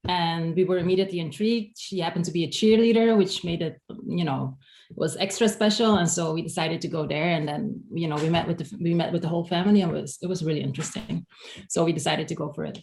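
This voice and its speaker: Female filmmaker, lowish voice, casual storytelling, roomy sound. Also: quick pace, a little mellow, slight background noise. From Europe. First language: Dutch. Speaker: documentary filmmaker. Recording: echoey room.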